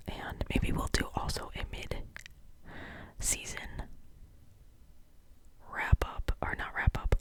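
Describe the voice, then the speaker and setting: Soft whispering Midwestern ASMR host. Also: low-quality recording. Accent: Midwestern American. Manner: soft unvoiced whisper, rambling with many ums and restarts. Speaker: sports channel host. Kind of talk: whispered ASMR sports talk.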